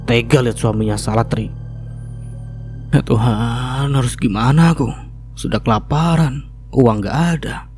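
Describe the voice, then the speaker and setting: A man plays a bitter husband stuck in a hospital bed, who nags and feels sorry for himself. The voice is mellow and close to a natural man's register. Faint music plays behind him. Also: medium pitch, measured pace, pauses often, close to an everyday voice. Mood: self-pitying. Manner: complaining, scolding. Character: bitter bedridden husband, whiny and scolding.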